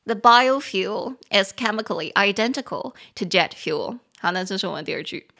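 A woman with a Taiwanese Mandarin accent hosting a casual podcast English lesson, chatty and quick to laugh. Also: pushed and bright. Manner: chatty, laughs often, acts out quoted friends in a higher voice. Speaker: podcast host and English teacher.

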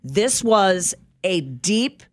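A middle-aged woman co-hosting a radio show, chatting and telling stories. Her voice swoops all over as she gets excited and jumps up into high squeals. It sounds like casual talk-radio banter. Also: drawn-out words.

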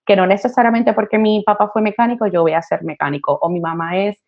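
A woman's voice: mid-range voice, fast talker. Passionate woman guest. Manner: passionate, animated, frequent fillers. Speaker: guest, college admissions counselor. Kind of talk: conversational podcast interview. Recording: slightly dull podcast audio.

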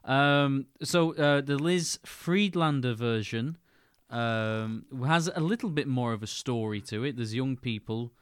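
A man's voice: mid-range voice, a little slow, clear, resonant tone, no echo, studio quality. A man co-hosting a podcast in casual chat, hesitant, with many fillers and restarts. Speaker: podcast co-host.

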